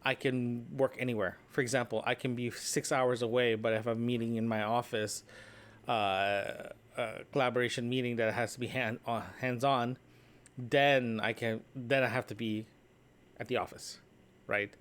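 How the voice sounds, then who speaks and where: His mid-range voice is steady and fairly bright, moving at a normal speed. The man, a vlogger and solo podcast host, records a casual audio diary, meandering along and frequently tacking on a tag question.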